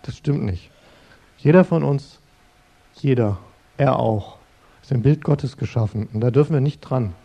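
A middle-aged man preaching in an earnest, conversational way, turning to his listeners directly. His voice is mellow and warm. The recording sounds a little dull and lo-fi. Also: mid-range voice, unhurried, pauses often, slightly rough. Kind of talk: sermon-style talk.

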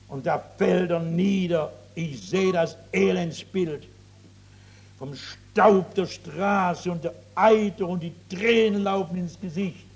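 A man preaching an evangelistic sermon to a seated audience, moving from loud exclamations to hushed, drawn-out emphasis and asking his listeners rhetorical questions. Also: high voice.

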